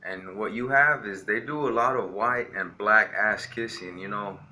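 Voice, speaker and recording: In a casual monologue to camera, a young Texan vlogger rambles and rants defiantly, dropping "you know" constantly. His fairly low voice has a sharp edge and moves at a moderate pace.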